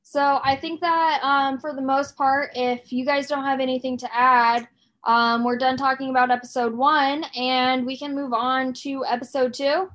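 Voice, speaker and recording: A woman's voice: high-pitched, little pitch movement, moderate pace, a bit bright, low-quality recording. A woman in her thirties co-hosting a podcast, chatting casually and rambling with plenty of fillers and restarts. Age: 30s. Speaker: podcast co-host. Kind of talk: casual chat.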